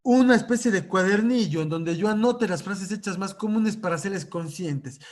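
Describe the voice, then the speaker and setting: A man's voice: high voice, normal speed. A man lecturing at a conference on psychological first aid, checking in with his audience through frequent rhetorical questions.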